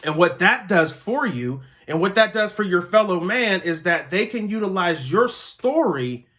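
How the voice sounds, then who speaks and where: A man's voice: sits high, lively intonation, measured pace, a bit bright. A man delivering an earnest motivational pep talk as a host, emphatic, repeating key phrases and checking in with listeners.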